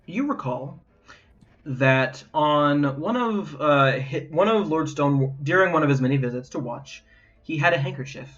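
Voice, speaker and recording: A man's voice: a little high, unhurried, muffled recording. A man narrating and joking as game master of a live tabletop game. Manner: animated and playful.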